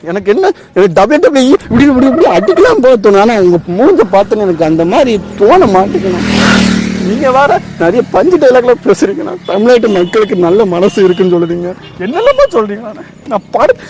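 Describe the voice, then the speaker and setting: A man's voice: high voice, very animated, fast, rough recording. A man, pranking strangers at a roadside in a pestering, insistent and theatrical way. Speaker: prankster host. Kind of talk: street prank banter. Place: roadside outdoors with traffic. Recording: street traffic noise.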